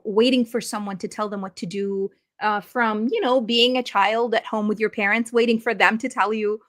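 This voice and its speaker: Woman, interview host, higher voice, hesitant, lots of fillers and restarts. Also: a bit bright. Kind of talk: hosting an interview.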